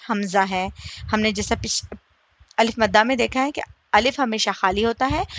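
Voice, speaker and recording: A woman teaching a slow recitation lesson. She asks her listeners questions, answers them herself, and stretches the example vowels out slowly. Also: medium pitch, a bit bright, dull audio. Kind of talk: slow step-by-step tajweed lesson.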